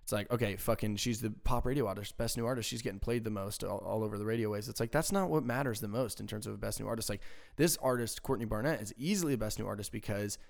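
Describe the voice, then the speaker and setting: Young male podcaster, low gravelly voice, swears freely, exasperated rambling home-mic rant. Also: fast talker. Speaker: podcast host. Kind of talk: casual solo podcast rant. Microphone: home podcast mic with crackling.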